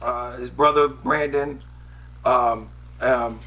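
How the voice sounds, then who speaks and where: Speaking slowly with a medium-pitched, bright, forceful voice and fairly even intonation, this middle-aged Harlem radio DJ is a guest in a relaxed interview. He rambles through his stories, often restarting and saying "um."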